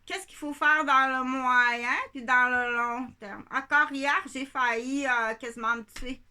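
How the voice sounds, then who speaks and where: A woman's voice: high voice, steady tone, unhurried, sharp tone, clear, resonant tone. A woman with a Quebec French accent, talking in a rambling monologue that drifts between points, repeats phrases and keeps checking in with her listeners. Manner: digressive, repeats herself, asks "ok?" often.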